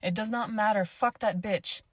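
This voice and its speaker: A woman's voice: medium pitch, moderate pace, husky, no echo. Woman venting a storytime rant, swears a lot, super blunt, dry close sound. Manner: profane, blunt, heated storytelling. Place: Manila.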